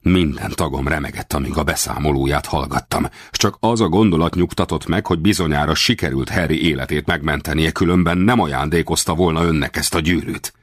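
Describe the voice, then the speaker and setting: A man voicing an excitable, commanding middle-aged frontiersman who fires off urgent, demanding questions. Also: rumbling low, few pauses, dry recording, clean studio sound. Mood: agitated relieved.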